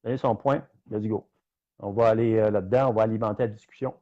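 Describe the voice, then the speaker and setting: A man's voice: lowish voice, fairly even intonation, fast, warm tone. Québécois guy on a livestream, chatty, reads out viewer comments, kinda dull lo-fi sound. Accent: Québécois French. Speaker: livestream host. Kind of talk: live-stream chat reading viewer comments.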